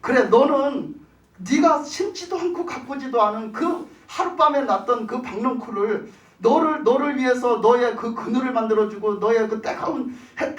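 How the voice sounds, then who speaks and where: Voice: mid-range voice, distant mic, lightly acted. God reproaching a prophet, as a preacher puts him on. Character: God gently rebuking a prophet, patient and fatherly. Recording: roomy church, voice off mic.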